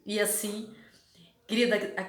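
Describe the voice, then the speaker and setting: A woman's voice: medium pitch, flat delivery, a little slow. Emotional woman testifying in an echoey hall. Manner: emotional, repeats phrases for emphasis. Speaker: church member giving testimony. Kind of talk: personal religious testimony.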